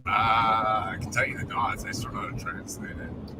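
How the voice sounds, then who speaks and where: A man's voice: lowish voice, fairly even intonation, normal speed. A man giving casual, hesitant live commentary as a storm chaser on a livestream, thinking aloud as he goes. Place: in or beside a vehicle out in the field. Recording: distant mic, loud wind and vehicle noise.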